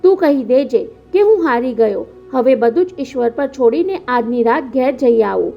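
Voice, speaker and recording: A woman reading the part of a wealthy older father who pleads softly, in a dull lo-fi recording with faint music. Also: high-pitched, animated, moderate pace, creaky. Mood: defeated. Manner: soft, restrained delivery.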